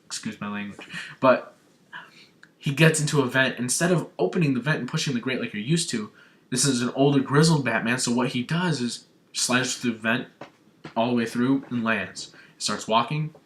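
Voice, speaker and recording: A young man from Arizona talks through a gaming showcase in an excited, gushing way. His voice sits at an ordinary male pitch. He is a devoted fan recapping for his own channel. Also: normal speed. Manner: gushing, breathless fanboy enthusiasm. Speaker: gaming vlogger. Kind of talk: excited video game recap.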